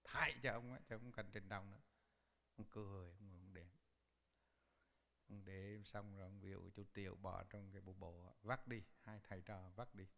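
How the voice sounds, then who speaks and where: A low, gravelly male voice preaches a Buddhist sermon. He tells a story with lively energy and slips into the voices of the people he quotes. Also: moderate pace. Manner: animated storyteller, acts out quoted speech. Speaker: Buddhist teacher.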